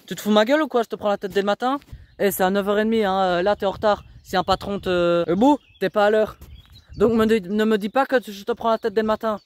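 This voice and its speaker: A man's voice: high voice, steady tone, quick pace. A man working as a youth educator, firm and scolding with teenagers, raising his voice when annoyed. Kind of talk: coaching young people.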